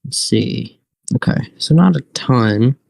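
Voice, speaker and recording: A man hosting an unscripted live weather stream, thinking aloud in a halting, repetitive way. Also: medium pitch, animated, creaky, darkish tone.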